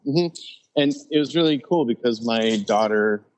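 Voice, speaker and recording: A man from Utah, co-host of a podcast, telling a relaxed story with soft fillers. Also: medium pitch, normal speed, low-quality recording. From Utah, United States. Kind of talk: casual podcast chat.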